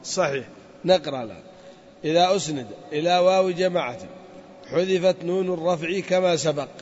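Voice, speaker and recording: A man with a high voice teaches a grammar class and keeps quizzing his students. He stretches the example words out slowly. The recording is dull, with a long reverb from the classroom. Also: a little mellow. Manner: drills students with questions, drawls out example words. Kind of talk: classroom lesson.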